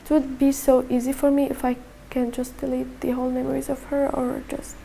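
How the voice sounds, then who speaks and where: A twenty-one-year-old woman from Syria with a Syrian accent, giving a halting personal testimony in an interview and often repeating her words. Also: high voice, monotone, creaky, mellow, slight background noise.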